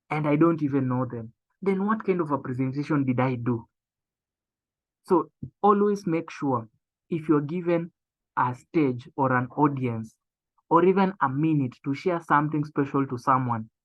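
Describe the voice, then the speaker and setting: In a motivational talk on business training, a young man with a slightly high voice repeats his key phrases and slows down for emphasis. His delivery is emphatic, and the audio has a tinny, phone-like quality.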